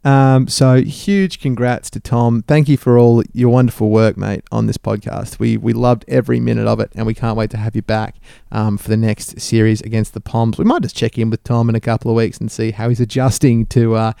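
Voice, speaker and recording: A man's voice: medium pitch, little pitch movement, fairly quick, gravelly, warm tone, clean tone, no echo, studio quality. A male podcast host chatting casually, upbeat as he thanks guests and wraps up segments.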